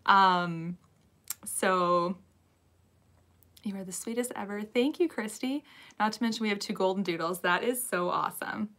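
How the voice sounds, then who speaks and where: A woman's voice: medium pitch, unhurried, pauses often, a bit bright. A young woman hosting a live Q&A from home on her phone, nervous and giggly as she greets viewers by name. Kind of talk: casual live-stream chat.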